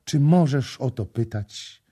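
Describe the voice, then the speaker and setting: A man's voice: mid-range voice, lively intonation, slow, mellow, husky, voice pushed up. A man reading the part of a young priestess in an audiobook, tearful and pleading.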